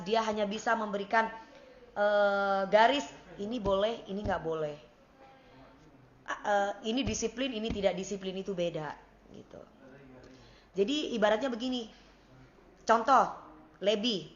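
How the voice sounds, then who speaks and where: A woman in casual chat with her followers, speaking bluntly, giving examples and lecturing, at times dropping to a quiet voice. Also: mid-range voice, dull audio. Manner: blunt, lecturing, gives examples, drifts between topics. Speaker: singer talking to her followers. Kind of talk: casual live-stream chat.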